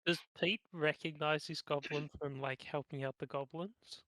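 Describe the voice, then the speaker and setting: Quiet, matter-of-fact game player. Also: medium pitch, steady tone, normal speed, no echo, low-quality recording. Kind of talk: casual tabletop game chat.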